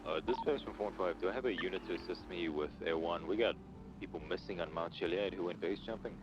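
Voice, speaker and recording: Man, low voice, quick clipped walkie-talkie calls, muffled radio sound, loud noise. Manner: brisk, clipped radio talk. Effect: over a police walkie-talkie radio. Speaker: police officer in a roleplay.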